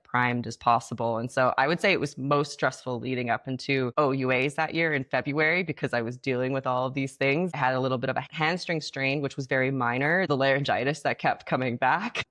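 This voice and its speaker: A woman's voice: rumbling low, fairly bright tone. A young woman speaks as an athlete being interviewed. Her delivery is conversational and reflective, telling her own experiences casually in the first person. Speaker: track athlete guest.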